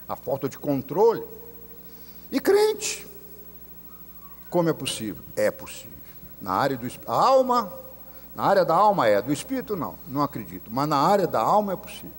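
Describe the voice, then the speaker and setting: Animated Brazilian preacher in a reverberant hall. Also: male voice, on the high side, breathy edge. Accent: Brazilian Portuguese. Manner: animated storytelling, acting out quoted voices. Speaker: messianic rabbi preacher. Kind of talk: sermon.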